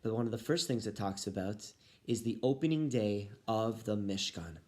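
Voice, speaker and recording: A man's voice: on the low side, animated, moderate pace, darkish tone. A man speaking as a rabbi, giving a short Torah talk addressed to children and families.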